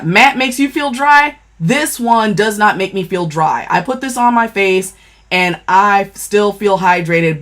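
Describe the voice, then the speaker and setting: A woman talking casually on a livestream about makeup, chatty and excitable, swearing freely and addressing her viewers directly. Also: lowish voice. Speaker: livestream seller reviewing makeup. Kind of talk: casual live-stream chat.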